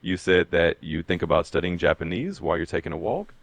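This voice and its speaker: A man's voice: low voice, lively intonation, fast talker, no room sound, highs cut off. A man tutoring Japanese, asking practice questions and explaining with encouraging feedback.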